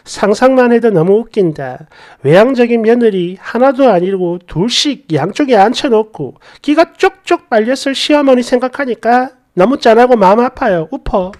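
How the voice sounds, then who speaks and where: Expressive woman narrating stories. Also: fairly high pitch, moderate pace. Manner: sarcastic, expressive commentary. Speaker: story narrator. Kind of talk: dramatic storytelling of reader stories.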